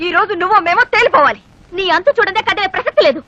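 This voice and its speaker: Brief: furious wronged wife, piercing bright voice. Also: female voice, expressive, rapid-fire, highs cut off, heavily acted. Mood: indignant. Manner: shrill, indignant and threatening. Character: angry wronged housewife threatening a rival. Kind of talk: film dialogue.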